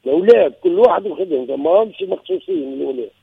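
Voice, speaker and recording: Rapid-fire and husky with a creak, this caller's slightly high voice moves with lively intonation through a narrow, tinny, dry line. He's in his sixties, Tunisian-accented, and keeps stressing and repeating the details of his marital problem.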